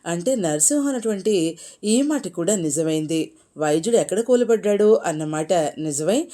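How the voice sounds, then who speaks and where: A woman narrating a moral folk tale in an expressive, animated storytelling voice. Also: fairly low pitch, moderate pace.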